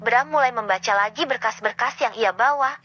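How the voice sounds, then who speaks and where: A woman reading a novel aloud with steady storytelling narration. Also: fairly high pitch, moderate pace. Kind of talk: scripted narration. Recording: dull lo-fi with guitar music.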